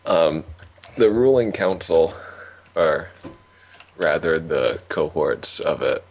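A man playing a tabletop roleplaying game, speaking casually in character with a dry, deadpan manner. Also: extremely low pitch, slow, slight background noise. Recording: slightly muffled recording.

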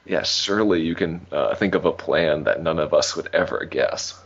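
A man playing a tabletop roleplaying game, speaking casually in character with a dry, deadpan manner. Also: rumbling low, normal speed, vocal fry. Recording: slightly muffled recording.

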